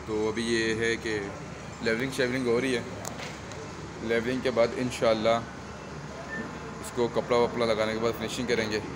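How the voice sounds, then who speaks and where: A man's voice: medium pitch, level tone, normal speed, pauses often, noisy background. A young man from Pakistan showing off a snooker club at night in a chatty, promotional way, filming on a handheld phone. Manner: chatty, promotional, pointing things out. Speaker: snooker table maker. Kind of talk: phone-filmed walkthrough vlog. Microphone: phone camera held close.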